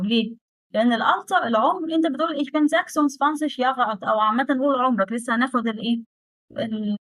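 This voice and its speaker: A woman in her twenties with an Egyptian Arabic accent, giving a casual, chatty German lesson and slowing right down to spell out the German phrases. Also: a little high, a bit bright, dry recording. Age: 20s. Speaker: German teacher.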